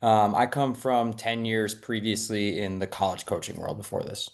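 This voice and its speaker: A man who coaches lacrosse and works in admissions introduces himself on a webinar panel over a video call, relaxed and plain-spoken. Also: on the low side, normal speed.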